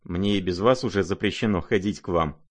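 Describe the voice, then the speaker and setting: A man voicing a gentle, naive young prince who speaks mildly and calmly. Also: low-pitched, fairly quick. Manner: mild, calm, soft-spoken.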